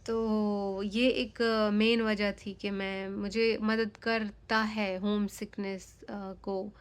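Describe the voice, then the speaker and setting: A woman's voice: medium pitch, little pitch movement, extremely slow, clean tone. A young Pakistani woman, a native Sindhi speaker with a Sindhi accent, chatting frankly and casually as a vlogger, dropping English phrases into her talk. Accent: Sindhi-accented Urdu. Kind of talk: casual chat.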